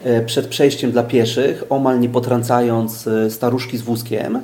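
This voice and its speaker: Guy explaining speed reading slowly w/ lots of ums, warm low tone, echoey room. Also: little pitch movement. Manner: explains patiently with everyday examples, many hesitations. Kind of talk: explanatory interview talk.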